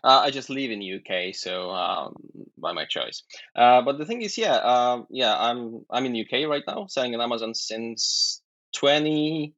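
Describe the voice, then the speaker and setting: A man in his thirties from Poland with a Polish accent, a guest speaking halting, casual English and laughing often. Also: medium pitch, lively intonation, a bit bright, dry recording, muffled recording. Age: 30s. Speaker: guest, online seller. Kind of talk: casual interview chat.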